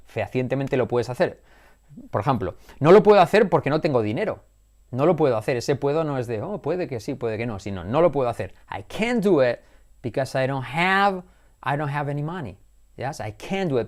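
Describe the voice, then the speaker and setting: Chatty male English teacher. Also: medium pitch. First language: Spanish. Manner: chatty, explains with jokes and asides. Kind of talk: live online class.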